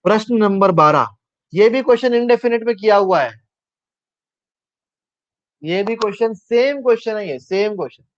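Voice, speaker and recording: A man's voice: sits high, expressive, moderate pace, pauses often, dry recording. A man teaching a live online maths class, talking through each step aloud, mixing English maths terms into Hindi and asking his students questions. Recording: dull, dry lo-fi sound.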